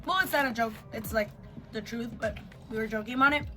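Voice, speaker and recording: A woman's voice: fairly high pitch, brisk, over music. A woman in her twenties hosting a casual eating video, chatting and switching between English and Spanish. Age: 20s. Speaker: host. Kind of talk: casual chat mukbang.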